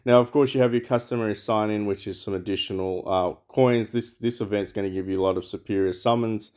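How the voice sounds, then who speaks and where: Chatty man, lowish voice. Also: steady tone, brisk, a little mellow. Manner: chatty, rambling, thinks aloud with many fillers. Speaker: mobile game channel host. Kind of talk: casual gameplay commentary.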